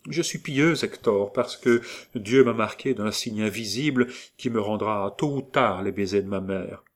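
A man reading aloud gives voice to a pious, anxious young woman, speaking in a raised, pleading tone. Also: unhurried. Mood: fervent. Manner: pleading, emotional, raised pitch.

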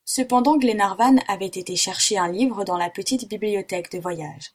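A woman narrating a classic adventure novel in a steady, even reading. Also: medium pitch, normal speed, breathy edge. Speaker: audiobook reader. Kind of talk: storybook narration.

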